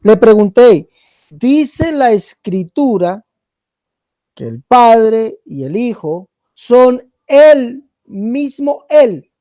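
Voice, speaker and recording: Man, debate questioner, insistent, slow and deliberate, mellow tone, dry close sound. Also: extremely high pitch, animated, dry recording. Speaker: apologist in a debate.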